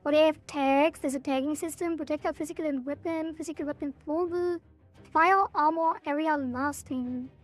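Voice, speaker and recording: High-voiced woman streaming a game. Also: steady tone, brisk, faint music behind. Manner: thinking aloud. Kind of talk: casual gameplay commentary, reading game text aloud.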